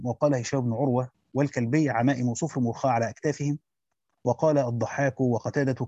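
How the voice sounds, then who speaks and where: A man's voice: medium pitch, warm tone, dry recording, lo-fi sound. A man with an Egyptian accent reading a classical Quran commentary aloud, breaking off into colloquial explanations with hesitant fillers. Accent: Egyptian Arabic. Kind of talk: reading a classical text aloud with spoken asides.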